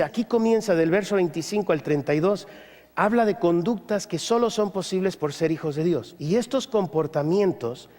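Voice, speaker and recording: A male pastor preaching a sermon at a church service, emphatic, repeating his key phrases and swinging between loud and hushed. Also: high-pitched, big-room sound.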